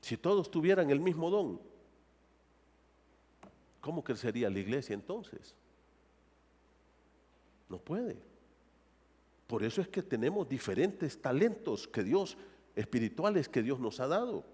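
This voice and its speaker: A man's voice: medium pitch, big pitch swings, unhurried, long pauses, dark tone, slightly rough, long reverb tail. A male pastor preaching a sermon in a church and often asking the congregation rhetorical questions. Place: church sanctuary.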